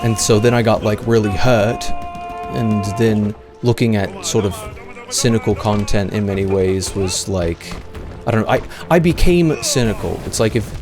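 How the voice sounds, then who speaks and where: A low-voiced man rambling through a casual livestream, circling his thoughts with fillers and self-deprecating asides. Music plays clearly underneath his voice. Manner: meandering, self-deprecating, many fillers and restarts. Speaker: streamer. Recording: music playing clearly behind the voice.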